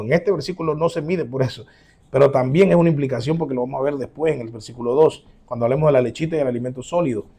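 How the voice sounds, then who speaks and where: A man preaching as a pastor, emphatic, acting out quoted voices with sudden loud rises, then closing in prayer. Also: on the high side, creaky, breathy edge. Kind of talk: sermon.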